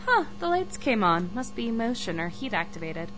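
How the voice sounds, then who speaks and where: An actress playing a patient, wry wife and mother who gently chides, in an audio drama. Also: on the high side, very animated, normal speed. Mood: wry, amused. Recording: noisy, humming amateur recording.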